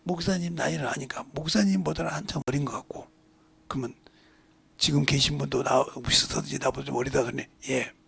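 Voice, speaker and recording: A man in his sixties, a pastor preaching a sermon, who swings between hushed asides and loud emphatic preaching. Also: mid-range voice, steady tone, a little fast, a crowd in the background. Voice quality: gravelly, husky voice.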